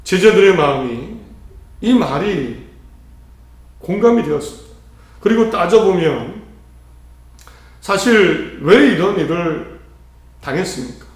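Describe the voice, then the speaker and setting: A man's voice: sits high, animated, slow, long pauses. A male pastor delivering an earnest sermon, asking rhetorical questions and shifting his emphasis often. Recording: heavy church reverb.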